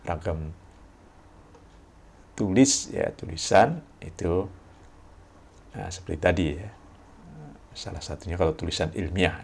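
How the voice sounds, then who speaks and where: A man giving a recorded university lecture, explaining slowly with frequent tag words and pausing to read examples aloud. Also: low-pitched, gravelly, darkish tone, a little hiss or hum. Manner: explains slowly with many "ya" tags and reads examples aloud with deliberate pauses.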